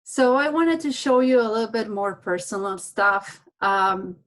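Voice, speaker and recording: A woman's voice: medium pitch, lively intonation, unhurried, a bit bright. A woman from Uruguay, an architect and project manager, giving a personal, anecdotal panel presentation over a video call. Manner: personal and anecdotal, some restarts.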